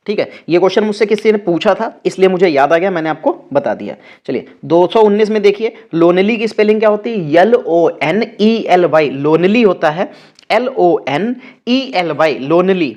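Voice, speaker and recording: A man's voice: sits high, lively intonation, normal speed, a little mellow, muffled recording. A young man teaching an exam-prep vocabulary lesson, spelling words out letter by letter.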